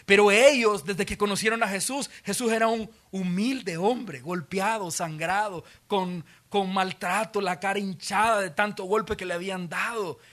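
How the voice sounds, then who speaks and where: High, bright-voiced Salvadoran pastor preaching. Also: male voice, normal speed, hardly any pauses. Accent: Salvadoran Spanish. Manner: dramatic storytelling, acting out scenes with many voices. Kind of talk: sermon. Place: church auditorium.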